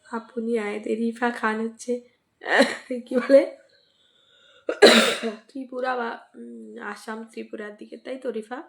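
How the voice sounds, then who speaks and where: Female live-stream host, croaky from a cold, slightly high pitch. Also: little pitch movement, brisk. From West Bengal, India. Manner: greets and thanks commenters by name, asks for mentions. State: sore throat and cold, coughing. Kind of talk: casual live-stream chat with viewers.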